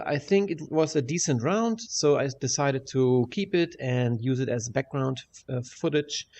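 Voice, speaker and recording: A man with a German accent giving a casual, rambling, hesitant update with casual swearing, his voice echoing in a big room at home. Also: medium pitch. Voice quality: echoey room sound. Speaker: video creator. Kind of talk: casual rambling update over game footage. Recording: big echoey room, clear background noise.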